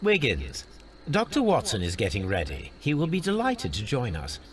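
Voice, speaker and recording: An actor playing a brilliant, cool-headed male detective in a video game, talking in a formal, measured way. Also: medium pitch, huge pitch swings, recorded from a distance, slight background noise. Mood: calm.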